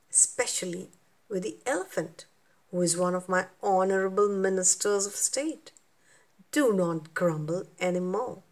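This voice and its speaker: A woman reading aloud as a proud male lion king who makes loud, royal proclamations, at a slow pace. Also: medium pitch.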